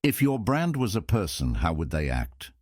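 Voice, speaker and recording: A man reads out short interview questions in an extremely low voice. His intonation moves in a lively way, and faint noise sits behind him. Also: normal speed.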